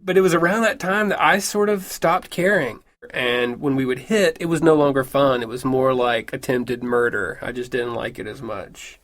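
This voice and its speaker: A man's voice: medium pitch, normal speed, fairly bright tone, faint music behind. A man in his thirties performing a personal story in a wry, conversational way, full of casual fillers.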